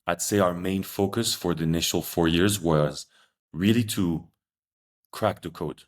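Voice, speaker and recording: A young man from Switzerland, a startup founder, answering podcast interview questions in a measured, explanatory way. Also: low-pitched. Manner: measured, explanatory, occasional fillers.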